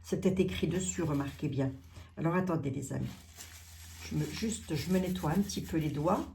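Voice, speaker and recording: A chatty middle-aged woman hosts a casual unboxing for her viewers. She thinks aloud as she goes, repeating words and filling pauses. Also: deep voice, gravelly, dark tone, a little hiss or hum. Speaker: psychic channel host opening gifts.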